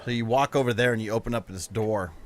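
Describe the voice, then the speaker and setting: A man's voice: fairly low pitch, fast talker. A man narrating a tabletop role-playing game casually as game master.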